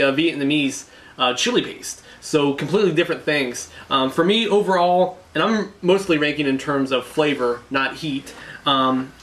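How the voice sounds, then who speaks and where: A man's voice: on the high side, a bit bright. A man hosting a casual food challenge web show, speaking in a wordy, mock-formal way. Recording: clearly noisy background.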